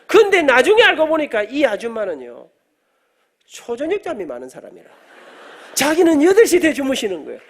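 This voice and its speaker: Lively fast-talking middle-aged preacher. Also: male voice, extremely high pitch. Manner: animated storyteller, jokes with the congregation. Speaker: guest preacher, professor. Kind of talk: storytelling sermon. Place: church sanctuary.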